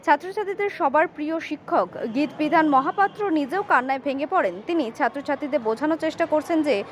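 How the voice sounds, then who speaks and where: A woman's voice: high voice, fast, slight background noise. A woman reading scripted news narration as a reporter.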